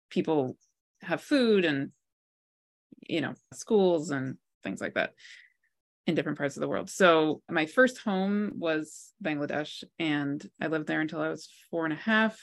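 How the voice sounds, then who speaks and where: A woman's voice: deep voice, moderate pace, gravelly. A woman in her forties, a guest author and healer, telling her life story in a reflective, candid way. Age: 40s. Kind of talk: interview.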